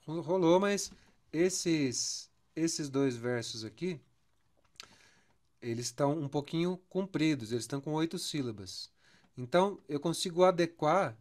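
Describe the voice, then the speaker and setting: A man's voice: on the high side, darkish tone. A man with a Brazilian Portuguese accent teaching a songwriting lesson, counting syllables aloud and stretching words as he goes. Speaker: music teacher.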